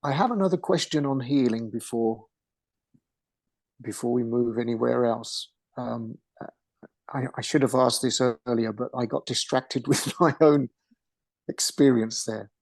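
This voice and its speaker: A man asking questions casually in a session, halting and repeating his words as he goes. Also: medium pitch, a little mellow.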